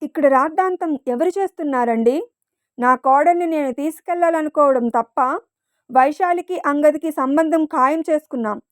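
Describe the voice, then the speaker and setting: A woman's voice: sits high, normal speed, dry recording, clean studio sound, natural voice. A woman voicing a haughty wealthy mother. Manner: haughty, arrogant. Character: proud wealthy middle-aged mother.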